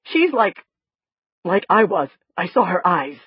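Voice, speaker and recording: A gentle male doctor reassures a scared patient in a soft, steady way, as a woman narrator voices him. The delivery has a slightly breathy tone with animated pitch. The recording is dry and a little dull. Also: slow, no echo, full character voice. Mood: soothing. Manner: soothing, reassuring. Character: calm, gentle male doctor, middle-aged.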